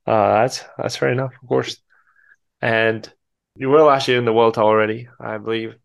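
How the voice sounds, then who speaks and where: A man's voice: mid-range voice, flat delivery, moderate pace, vocal fry. A man hosting a podcast, chatting casually and putting unscripted questions to his guest. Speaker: podcast host, interviewer. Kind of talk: casual unscripted interview chat.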